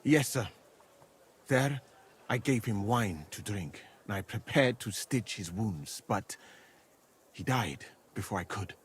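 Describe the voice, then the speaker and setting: A calm, husky surgeon knight. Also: male voice, fairly low pitch, heavily acted. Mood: measured. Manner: measured, dignified.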